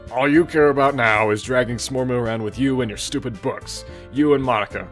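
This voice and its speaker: A man reading a feisty, short-tempered girl's lines aloud in a game playthrough, loud and snappy. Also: medium pitch, a little fast, faint music behind, natural voice. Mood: annoyed.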